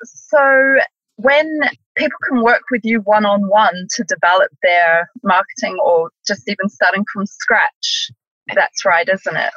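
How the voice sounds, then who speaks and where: A woman's voice: medium pitch, unhurried, a bit bright, dry recording, lo-fi sound. A woman hosting an interview, asking questions in a friendly, affirming way. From outside the United States. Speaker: interview host. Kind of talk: conversational interview.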